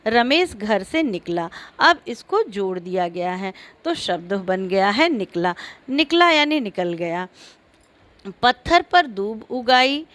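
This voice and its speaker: A woman teacher explaining a grammar lesson to pupils, stressing each example word clearly. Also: medium pitch, fairly bright tone. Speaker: school teacher.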